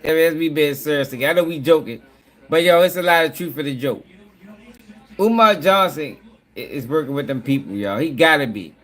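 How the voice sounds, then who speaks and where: A man with a notably high voice reacting to clips in loose, casual commentary. He talks to his viewers in an excitable, profane way, peppering his talk with street slang. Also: fairly quick. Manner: excitable, profane, laughs often, repeats "yo" and "y'all". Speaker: reaction video host.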